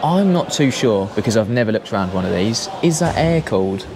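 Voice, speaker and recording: A man's voice: on the low side, very animated. Man, young adult, chatty easygoing commentary, outdoor car yard, faint background noise. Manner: chatty, easygoing, quick laughs. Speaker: car vlogger. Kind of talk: casual walkaround commentary. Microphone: action camera.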